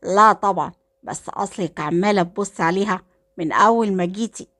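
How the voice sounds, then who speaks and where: A woman's voice: medium pitch, fairly quick, fairly bright tone, natural voice. A woman voicing a polite young male suitor with an Egyptian accent, courteous and smiling. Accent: Egyptian Arabic.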